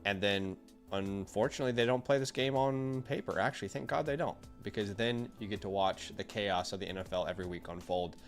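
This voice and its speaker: Guy hosting a livestream on a headset mic, lowish voice, bit of music quietly behind. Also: fairly quick. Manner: upbeat, talks straight to the chat. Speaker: fantasy football livestream host. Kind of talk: casual live-stream chat.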